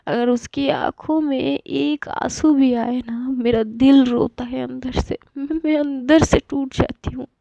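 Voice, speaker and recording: A woman's voice: high voice, fairly even intonation, a little slow, creaky, few pauses, dark tone, no echo. A woman voicing a heartbroken young woman who speaks in raised, tearful outbursts in a storybook reading. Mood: anguished. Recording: dull lo-fi dry recording.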